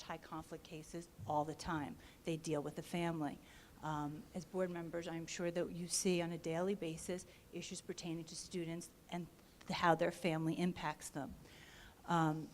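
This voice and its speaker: A woman's voice: on the low side, a little hiss or hum. A woman in her thirties speaking as a school board candidate at a public meeting, earnest and passionate, often saying "um" and "quite frankly". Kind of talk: candidate interview statement.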